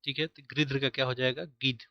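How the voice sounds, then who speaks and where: Speaking at a quick pace in a mid-range voice with little pitch movement, a man gives an online exam-prep lesson teaching Hindi, asking himself questions and repeating answers to drill them in. He uses English words like "easily", "correct" and "option" inside the Hindi, and the lo-fi recording has no room sound.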